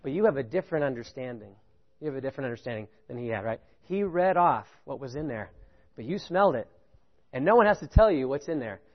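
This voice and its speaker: A man preaching a sermon, animated, often stopping to ask the congregation "right?". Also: quick pace, dull audio. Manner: animated, rising pitch on key points, chuckles, asks "right?". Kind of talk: sermon with audience participation.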